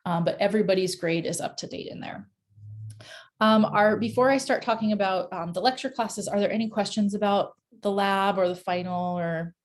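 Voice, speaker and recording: A woman instructor speaking over a video call, with a middle-range voice and a relaxed, conversational delivery. She fills her sentences with small hesitations and restarts as she goes over course details. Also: medium pitch, moderate pace. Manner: casual, many fillers and restarts. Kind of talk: online class session.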